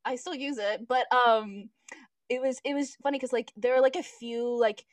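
A woman's voice: fairly high pitch, steady tone, normal speed, dry recording. A twenty-year-old woman co-hosting a podcast in casual chat, rambling and giggly with lots of filler words. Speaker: podcast co-host.

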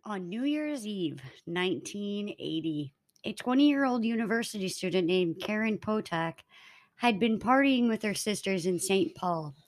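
Here a young woman tells a story to her friends on a casual podcast, reading the case aloud plainly and laughing between lines. Her mid-range voice is animated, and her pace is measured.

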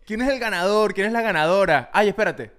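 A man's voice: sits high, fairly quick, fairly bright tone. A man with a Venezuelan accent co-hosting a podcast, chatting casually in a joking, teasing way. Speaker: podcast co-host. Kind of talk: casual chat.

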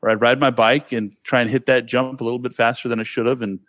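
A man in his forties from California talks fast in a mid-range, level voice with a fairly bright tone. He's chatting casually about his childhood in a Californian American accent, leaning on slang like "dude" and "bro." The sound is dry.

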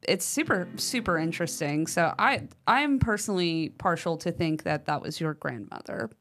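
With a voice on the low side and a normal speaking speed, a female co-host of a paranormal podcast chats informally. Using fillers like "like" and "um," she reads a listener's letter aloud with spirited emphasis.

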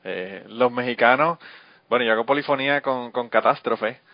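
A man, hosting a podcast in quick, laughing casual chat. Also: medium pitch, no room sound. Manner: fast-talking, laughs often. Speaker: podcast host. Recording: dull, slightly lo-fi audio.

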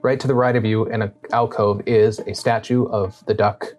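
A woman's voice: rumbling low, fairly even intonation, moderate pace, a little mellow, faint music behind. A woman narrating as game master of a tabletop game, describing scenes in an easygoing way with fillers and restarts.

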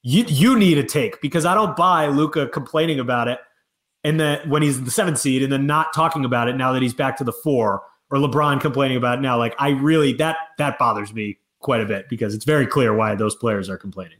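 A man's voice: mid-range voice, brisk, fairly bright tone, echoey room. A man co-hosting a casual sports podcast, giving firm opinions. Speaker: podcast co-host.

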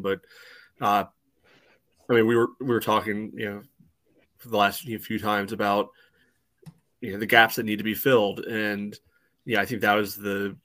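A man on a podcast offers casual soccer match analysis, padding his points with frequent conversational asides and leaning heavily on "you know." His voice sits on the low side and is a bit bright, with no echo.

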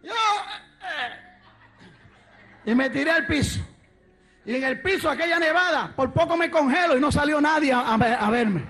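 Fervent high-voiced male preacher. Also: a little fast, a little hiss or hum. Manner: fervent, shouting praise, swinging from quiet storytelling to loud exclamations. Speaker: evangelist preacher. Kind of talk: testimony sermon.

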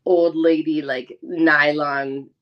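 A woman's voice: low-pitched, fairly even intonation, slow, muffled recording. A woman co-hosting a podcast in casual chat, speaking informally with laid-back wording. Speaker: podcast co-host.

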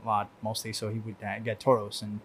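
A man's voice: on the low side, completely flat delivery, quick pace, a bit bright, a little hiss or hum. A man from Cuba, a guest on a podcast, chatting casually and telling stories with frequent restarts and laughter. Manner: laughs often, tells stories with many restarts. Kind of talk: casual chat.

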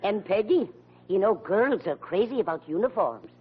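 In an old-time radio comedy, an actress plays a fond, soothing, tactful middle-aged mother encouraging her grown son. Her medium-pitched voice is expressive, at normal speed, with a breathy edge, and the recording sounds muffled and old.

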